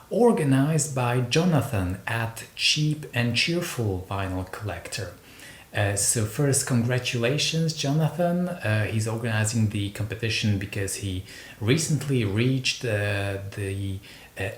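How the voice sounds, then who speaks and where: A record collector from Slovakia talks casually to camera in a Slovak accent, hesitant and rambling, often repeating words. The recording has a roomy echo and a noticeable low rumble.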